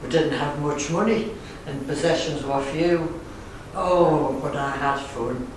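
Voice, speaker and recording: A man's voice: fairly high pitch, slow. Amateur male reciter, Northumbrian accent, homely rhymed verse; distant, reverberant hall recording with background noise. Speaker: amateur performer at a dialect gathering. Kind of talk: reciting a nostalgic dialect poem. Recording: echoey hall, far from mic, background noise.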